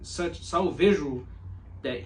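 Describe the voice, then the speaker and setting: A man hosting a radio interview, asking questions in a relaxed, easygoing way. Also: fairly high pitch, slow, far from the mic. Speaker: radio host. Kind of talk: casual interview chat. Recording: off mic with faint background noise.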